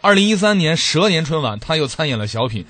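A man's voice: a little high, very animated, fast, fairly bright tone. A man presenting a comedy programme as host, reading prepared introductions and anecdotes. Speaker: radio show host. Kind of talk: scripted presenting.

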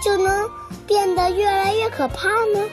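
A woman's voice: very high voice, steady tone, moderate pace, recorded from a distance, voice pushed up. A woman voicing a chubby, sweet-toothed little male monster who gets upset and tearful easily, over children's music. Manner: whiny, tearful when crossed.

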